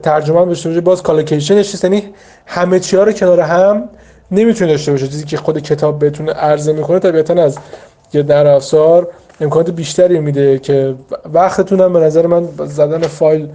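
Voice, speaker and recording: A man talks through study advice for language learners in a relaxed, informal way. His voice sits somewhat high but sounds warm and soft. He is patient and repetitive, circling back to stress each step and speaking directly to his students. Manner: patient, repetitive, explains step by step with many asides; addresses students directly and encouragingly. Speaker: vocabulary teacher.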